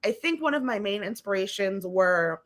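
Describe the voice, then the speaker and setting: A woman author talking casually at a virtual book event, passionate and expressive, laughing often, heard over a video call. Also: medium pitch, normal speed. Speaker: featured author.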